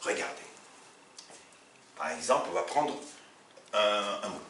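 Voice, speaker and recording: A man's voice: on the low side, expressive, measured pace, fairly bright tone, slight background noise. A man teaching Arabic in French to a class. He often tells them to look and asks them questions, then answers himself. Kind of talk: classroom lesson explaining grammar. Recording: echoey room, mic far off.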